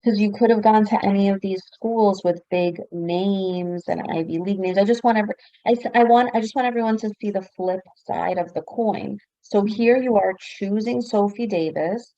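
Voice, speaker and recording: A woman with a dark, gravelly voice moderates a webinar interview over a video call. She probes her guest with questions and sums up the numbers for the listeners. The audio is a little muffled and lo-fi. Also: medium pitch, normal speed, hardly any pauses, no room sound. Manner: probing, recaps figures for the audience. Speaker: webinar host.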